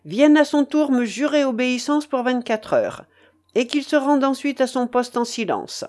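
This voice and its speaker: A woman reading the part of a bold male sailor leading a mutiny, in a forceful, rallying way. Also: high-pitched, sing-song, normal speed, voice pushed up. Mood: commanding.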